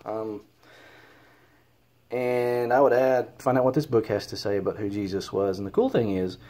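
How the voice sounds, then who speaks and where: A man's voice: on the low side, steady tone, moderate pace, dark tone. A man with a Southern US accent talking casually to camera, hesitant and earnest with many ums and uhs.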